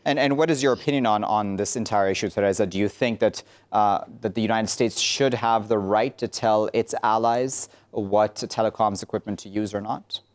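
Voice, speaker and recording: Male news host, low-pitched, steering a panel, hesitant with fillers. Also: steady tone, moderate pace, hardly any pauses. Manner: hesitant, many fillers and restarts. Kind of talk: moderating a panel discussion.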